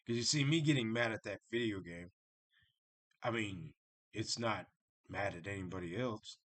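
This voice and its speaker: A man's voice: on the low side, normal speed, fairly bright tone. A man talking casually and unscripted to his viewers, rambling and circling back on himself, blunt and direct. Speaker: vlogger talking about Satanism.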